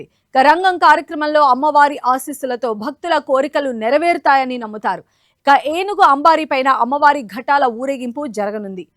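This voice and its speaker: A woman's voice: high-pitched, a bit bright, no echo, studio quality. A woman working as a television news anchor, presenting bulletins and questioning a field reporter.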